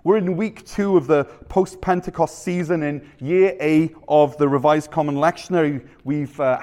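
A man's voice: fairly high pitch, a little mellow. A man, preaching a sermon in a conversational, storytelling manner with rhetorical questions. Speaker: pastor.

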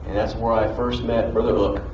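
A man's voice: fairly low pitch, flat delivery, a little fast, darkish tone. A man speaking as a church pastor, informally introducing a guest speaker to the congregation. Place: indoors in an echoey church. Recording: echoey, distant, dull sound with faint noise.

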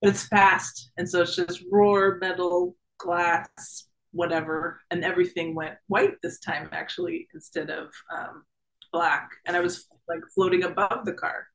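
A woman's voice: lowish voice, a little slow, poor audio. A woman in her thirties, a podcast guest, vividly retelling a personal story, chatty, with many fillers and acted-out thoughts. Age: 30s.

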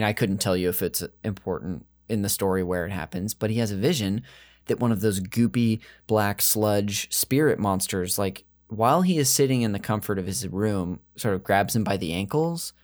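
Guy on a podcast, kinda low voice, rambles, lots of ums and restarts. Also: moderate pace. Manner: rambling, frequent fillers and restarts. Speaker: podcast co-host. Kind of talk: casual podcast chat.

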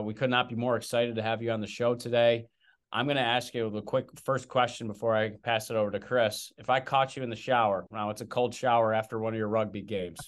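A man co-hosting a podcast, opening with casual, upbeat questions. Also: medium pitch. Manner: chatty, laughing easily. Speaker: podcast co-host. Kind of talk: casual chat.

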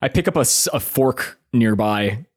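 A man's voice: mid-range voice, lively intonation, normal speed, slightly rough. A man chatting casually as a player in a tabletop game.

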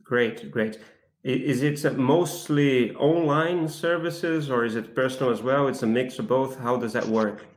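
A man's voice: mid-range voice, measured pace, reverberant. A man hosting a podcast, reading an intro and then asking questions with some hesitation. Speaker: podcast host.

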